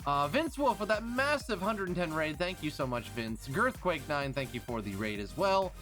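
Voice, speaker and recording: A man's voice: on the high side, big pitch swings, normal speed, fairly bright tone, faint music behind. A man streaming live, chatting casually and reading out thanks to followers.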